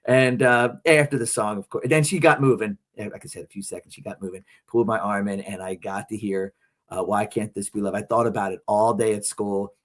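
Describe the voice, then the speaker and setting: A man's voice: on the low side, a little fast. A middle-aged man co-hosting a podcast, telling a story in casual chat and acting out the quotes with energy. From Philadelphia area, United States. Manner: animated storyteller, acts out quotes. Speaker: podcast co-host.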